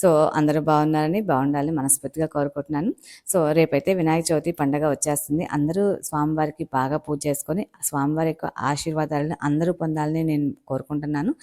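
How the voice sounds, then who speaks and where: A woman's voice: deep voice, fairly even intonation, fast, warm tone. A woman hosting a home channel, patiently explaining step by step with many fillers. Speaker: home-maker channel host. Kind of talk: casual home tutorial.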